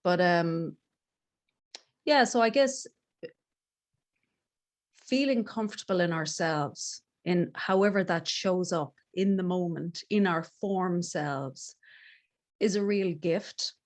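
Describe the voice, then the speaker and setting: A woman's voice: fairly low pitch, slow, pauses often. A middle-aged woman with a west of Ireland accent, talking casually and reflectively as an interview guest in a candid, informal way. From Galway, west of Ireland. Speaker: podcast guest, life coach.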